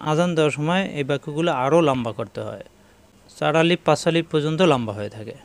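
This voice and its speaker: A man teaching an online Quran lesson, spelling words letter by letter and chanting slow examples. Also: on the high side, lively intonation, creaky. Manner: chants the call to prayer slowly in demonstration.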